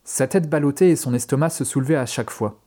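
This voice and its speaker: A man who hosts a podcast, reading a horror story aloud in a measured storytelling way. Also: medium pitch, mellow. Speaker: podcast host.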